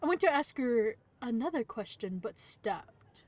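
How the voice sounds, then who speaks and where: A woman's voice: a little high, lively intonation, measured pace. A woman streamer reading visual novel narration aloud, breaking off now and then for playful asides.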